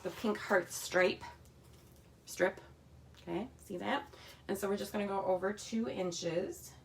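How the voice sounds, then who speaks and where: In her home craft room, a chatty woman demonstrates a craft kit, talking as her hands work. Her mid-range voice is slightly raspy, steady in tone and measured in pace, with slight background noise in this casual tutorial.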